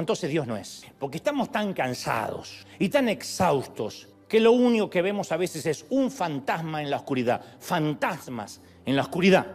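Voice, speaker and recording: A middle-aged man preaching a sermon, telling stories and mixing in humor. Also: high-pitched. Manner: humorous storytelling preaching with jokes.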